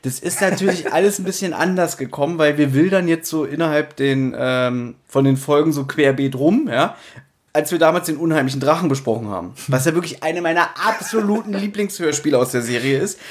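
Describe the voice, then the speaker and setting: Brisk and slightly high-pitched, a male podcast co-host banters casually about audio dramas. His rambling talk carries a teasing, mock-serious tone.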